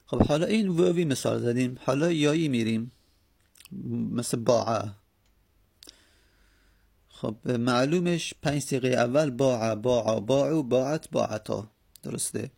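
A man teaching a grammar lesson, patiently reciting verb forms in steady repeated drills. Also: medium pitch, creaky, long pauses, breathy edge. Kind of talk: grammar lecture with recited conjugations.

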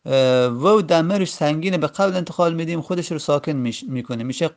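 A man teaching a grammar lesson, patiently repeating each form aloud with frequent hesitations. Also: on the high side.

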